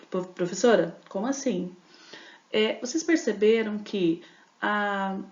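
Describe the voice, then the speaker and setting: A woman's voice: on the high side, a little mellow. A woman teacher, explaining a lesson step by step with many fillers and tag questions. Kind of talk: recorded class lesson. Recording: echoey dull lo-fi room recording.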